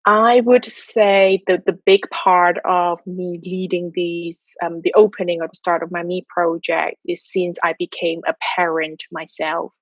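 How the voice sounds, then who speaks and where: A woman's voice: fairly low pitch, steady tone, measured pace, hardly any pauses, no echo, highs cut off. A woman from Malaysia speaking as a guest on a video call, giving earnest, motivational answers about mindset and habits. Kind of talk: online talk answering questions. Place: home in Tokyo.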